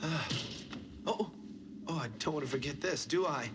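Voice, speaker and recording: An actor playing a nervous, flustered doctor who mumbles breathlessly, in a noisy film soundtrack. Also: male voice, on the high side, moderate pace, close to an everyday voice.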